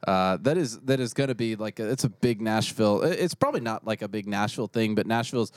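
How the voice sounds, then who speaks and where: Lower-voiced guy cohosting, chatty, stumbles and restarts, dry close mic. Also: lively intonation, no echo. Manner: chatty, halting, lots of restarts. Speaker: podcast co-host. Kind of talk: casual chat.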